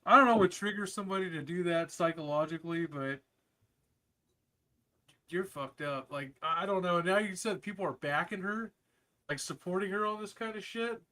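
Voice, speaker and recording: Casting: high-pitched male co-host, blunt, swears freely, loose banter. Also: moderate pace, pushed and bright. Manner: profane, blunt, laughs often. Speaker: podcast co-host. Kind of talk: casual chat.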